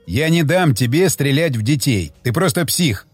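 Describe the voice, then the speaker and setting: A man's voice: mid-range voice, lively intonation, normal speed, husky, dry recording, faint music behind. A man doing a frantic, pleading comrade. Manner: pleading, shouting in panic. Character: frantic desperate man, Shcherbatin.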